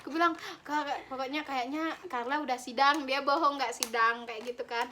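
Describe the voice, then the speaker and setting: A woman's voice: sits high, steady tone, fairly quick, sharp tone, a little hiss or hum. A young woman casually telling a story to a friend, acting out the quotes and laughing often.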